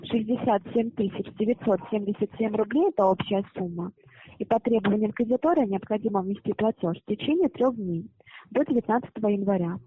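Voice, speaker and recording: A woman's voice: medium pitch, a little fast, breathy edge. A woman debt collection agent speaking with formal, scripted customer-service politeness over a phone line. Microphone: telephone. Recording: muffled narrowband phone line.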